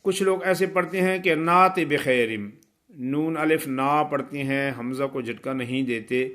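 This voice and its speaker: A man giving a tajweed lesson, explaining pronunciation rules and reciting verses slowly and melodically to show them. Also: mid-range voice, fairly even intonation. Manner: imitates common mistakes to correct them. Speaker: Quran recitation teacher.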